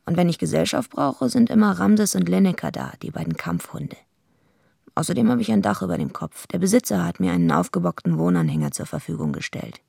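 An actress playing a tough, surly wrestling villainess who tells her own story in a radio play, blunt and deadpan, with a raspy, gravelly voice. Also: on the low side, brisk, no echo, clean studio sound, exaggerated voice. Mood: brooding, confiding. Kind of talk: first-person radio play narration.

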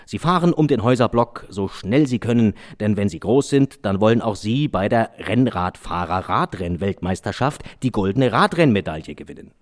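A man reading aloud children's stories as a storyteller, in an expressive, sing-song way. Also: lowish voice, moderate pace, few pauses.

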